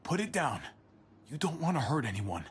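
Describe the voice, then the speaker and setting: An actor playing an anxious, placating younger brother among survivors in a dramatic video game. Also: male voice, a little high, sing-song, normal speed, husky, heavily acted. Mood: alarmed, pleading. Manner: pleading, placating.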